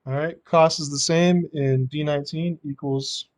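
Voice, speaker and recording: Guy teacher dictating formulas bit by bit, kinda casual, voice a little on the high side. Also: fairly even intonation, normal speed. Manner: casual, checking that learners follow. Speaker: instructor. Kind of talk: step-by-step software lesson to a class.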